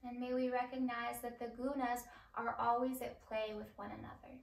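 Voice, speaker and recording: A middle-aged woman leads a yoga class in a slightly high voice. Her delivery is measured and calming, with unhurried instructions. The sound is roomy, picked up by a microphone a little way off. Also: gravelly, distant mic. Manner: slow, measured, calming guidance. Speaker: yoga teacher. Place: indoor home room, on a mat.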